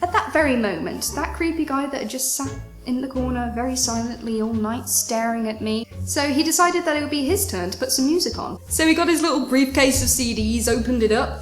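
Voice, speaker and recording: A young female vlogger animatedly retells a chaotic party story with dramatic exasperation, her high-pitched, expressive voice running a little fast. The recording comes from an echoey room with faint music in the background.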